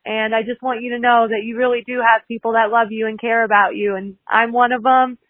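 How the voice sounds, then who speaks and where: A woman's voice: a little high, level tone, a little fast, dry recording. A woman in her early twenties leaving an earnest, rambling voicemail over the phone. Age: early 20s. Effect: over a phone line, voicemail. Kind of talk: heartfelt voicemail message.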